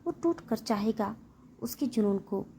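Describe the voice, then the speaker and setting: A brooding young husband from a romantic storybook speaks in a solemn, intense hush, voiced by a woman narrator. His lines are slow and heavy with feeling. A faint hiss runs under the recording. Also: a little high, animated.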